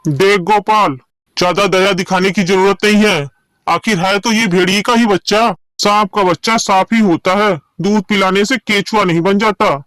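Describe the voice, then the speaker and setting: A man's voice: high voice, steady tone, normal speed, a bit bright, no echo. A man voicing a stern, worried village man in a cartoon story, who speaks in a firm, urging way. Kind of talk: cartoon voice acting.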